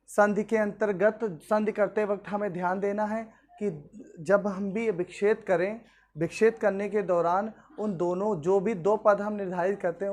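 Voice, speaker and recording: A male teacher with a high-pitched, darkish voice gives a classroom grammar lesson, explaining the rules step by step and asking questions aloud before answering them himself.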